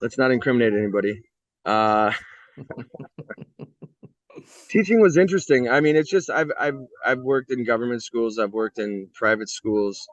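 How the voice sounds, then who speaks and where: A man's voice: mid-range voice, expressive, normal speed, long pauses, no room sound. A middle-aged American man telling his story bluntly and candidly as an interview guest, with some swearing. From United States. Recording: dull, dry lo-fi sound.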